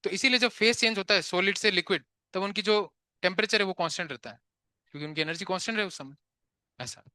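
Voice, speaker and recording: A man teaching physics to a live class, chatty and quick to tell students to stop talking and pay attention, mixing English terms into his Hindi and asking questions he answers himself. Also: sits high, pushed and bright, dry recording, studio quality.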